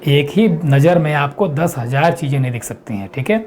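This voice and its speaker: A man teaching an exam-prep lesson, explaining step by step and answering his own questions, reading quiz lines slowly. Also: on the high side, expressive, darkish tone. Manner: reads English quiz lines slowly and deliberately.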